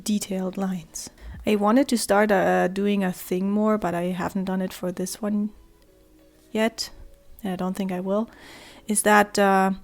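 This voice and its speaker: A woman with a cold talks casually while she draws, her voice hoarse and raspy, quiet and monotone, sometimes dropping to a soft murmur. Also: medium pitch, unhurried, soft background music. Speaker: art vlogger. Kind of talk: casual talk while drawing.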